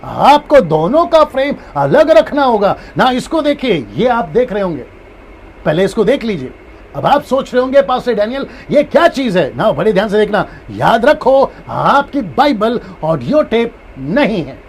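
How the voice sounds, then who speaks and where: A man's voice: high-pitched, a little slow, slight background noise. A man, a pastor, giving a live-streamed Bible lesson who repeats his points and acts out different tones of voice. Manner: repeats key points, animated with acted tones.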